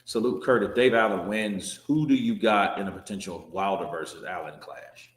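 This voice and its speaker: This lowish-voiced man runs a live boxing stream at normal speed, chatting through viewer comments with jokes, occasional swearing, and frequent restarts. A roomy echo colors the sound.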